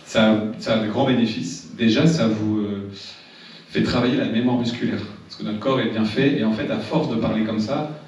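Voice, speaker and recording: Captured on a distant mic in an echoey seminar room with dull sound and slight background noise, a man coaches a live audience in public speaking. He talks casually, restarting and repeating words often, in a fairly low, steady, slightly mellow voice at a moderate pace.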